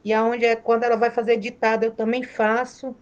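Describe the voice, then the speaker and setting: A woman's voice: on the high side, level tone, fairly quick, darkish tone, dull audio. A woman student on a video call, earnest and hesitant, often repeating herself. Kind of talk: student speaking up in online class.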